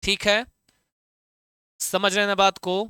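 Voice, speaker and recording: A man's voice: high-pitched, completely flat delivery, measured pace, bright, forceful tone, clear, resonant tone, no room sound, studio quality. A young adult man teaching a Sanskrit exam revision class, drilling terms through repetition and rhetorical questions.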